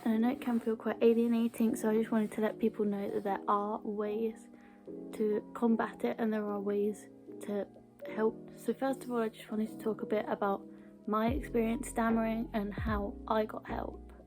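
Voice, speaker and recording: A young British video blogger with a mild stammer talks earnestly to camera in a casual, personal style, sometimes repeating small words. Her voice is on the high side with little pitch movement, at a moderate pace, over background music.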